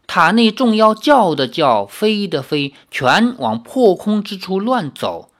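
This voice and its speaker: An animated audiobook narrator whose pitch rises and falls freely across the story. The telling is expressive, with occasional asides to the listener. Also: slow pace. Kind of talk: novel read aloud.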